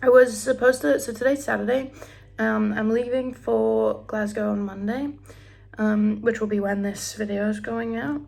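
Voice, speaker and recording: Her voice is a little high, creaky and slightly mellow, with a steady tone at a moderate pace. The young Australian woman rambles casually while getting her hair and makeup done at home, singing song fragments and whispering at times.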